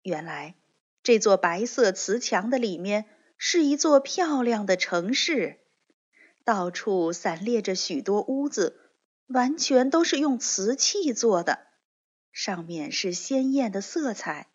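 Slow breathy woman storyteller. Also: medium pitch. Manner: slow, gentle, expressive reading. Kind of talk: children's story narration. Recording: dull lo-fi recording.

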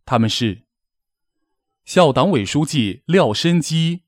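A man's voice: on the high side, animated, no room sound, clean studio sound. A man hosting a formal gala, delivering a scripted, poetic address in a solemn, declamatory manner. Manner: declamatory, solemn, measured phrasing. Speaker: gala host, master of ceremonies.

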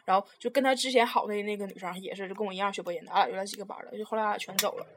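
A young woman, telling a story in casual chat, rambling and animated with lots of restarts. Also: mid-range voice, racing. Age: young adult.

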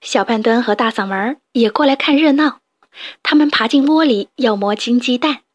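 A woman storyteller reading a children's story aloud in a gentle, expressive way. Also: on the high side, normal speed, dry recording, dull audio.

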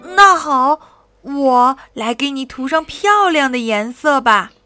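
A woman's voice: sits high, animated, takes it slowly, soft background music, pitched above the performer's own voice, exaggerated voice. A woman doing a chirpy little crayon stub. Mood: cheerful. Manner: bright, chirpy, sing-song. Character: small brave cheerful crayon stub, kind and eager.

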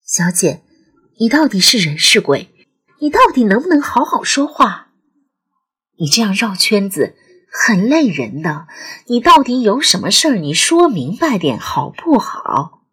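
A woman's voice: a little high, very animated, measured pace, breathy edge, heavily acted. A woman voicing an impatient young woman who pleads and scolds a strange caller. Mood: exasperated. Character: exasperated young woman Xiaowan.

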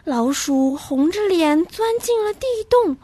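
A woman narrating a children's story with an expressive, sing-song delivery. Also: very high-pitched, unhurried, no room sound.

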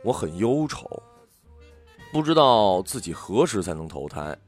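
A man narrating a ghost story in an expressive storytelling delivery. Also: fairly low pitch, a little slow, soft background music. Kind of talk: audiobook storytelling.

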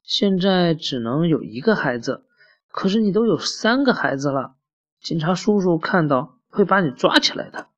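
A man's voice: fairly high pitch, big pitch swings, normal speed, a bit bright, pitched above the performer's own voice. A man voicing an eager little boy in a storybook who keeps coming up with schemes. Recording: muffled lo-fi recording.

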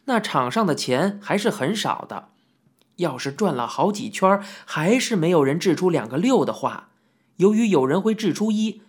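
A husky, medium-pitched narrator reads a first-person memoir as an audiobook, in a reminiscing storytelling manner with occasional asides to the listener.

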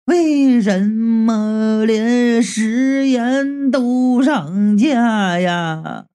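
A man voicing a whiny male ghost who wails his complaints in a slow, drawn-out cry. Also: extremely high pitch, mellow, clear, resonant tone, heavily acted. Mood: wailing. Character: whiny wailing male ghost, wants everything.

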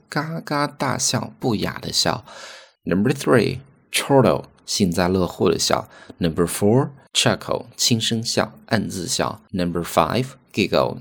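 A man with a very deep voice teaches an audio English lesson. He explains each point patiently and repeats the key words so listeners can follow. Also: vocal fry. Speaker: English teacher and podcast host.

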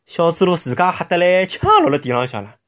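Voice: mid-range voice, quick pace. A storyteller with a Shanghainese accent narrating a children's story expressively, with vivid sound words.

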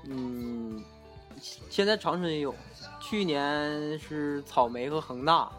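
Chatty Northeastern man, slightly high. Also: fairly bright tone, faint music behind. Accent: Northeastern Mandarin. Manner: chatty storyteller, halting restarts. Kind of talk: casual chat.

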